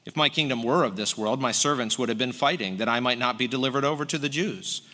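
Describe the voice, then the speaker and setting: A man reading the part of a calm, solemn prisoner who answers quietly. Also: mid-range voice, fast talker, natural voice. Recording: long hall reverb.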